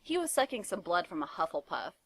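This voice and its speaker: A woman giving a dramatic reading of fanfiction with a deadpan, mock-dramatic delivery. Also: on the low side, a little fast, a little hiss or hum. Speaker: reader.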